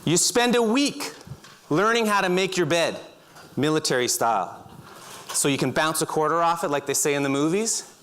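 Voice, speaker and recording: A middle-aged man telling vivid second-person stories on a stage, breaking into loud shouts. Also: a little high, normal speed, a little hiss or hum. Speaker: speaker. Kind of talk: storytelling talk. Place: auditorium stage.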